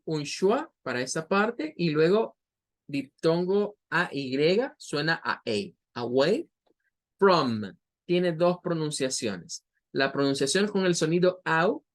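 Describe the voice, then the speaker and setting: A male teacher giving an online class, patiently explaining English vowel sounds and repeating example words to model them. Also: on the high side.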